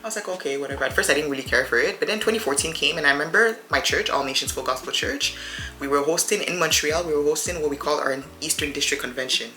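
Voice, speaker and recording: Quick, chatty woman in her thirties for a get-ready-with-me vlog; low, bright voice in a roomy space. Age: 30s. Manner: chatty and rambling, addresses viewers as friends. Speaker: beauty vlogger. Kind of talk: get-ready-with-me casual chat. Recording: roomy echo with faint music behind.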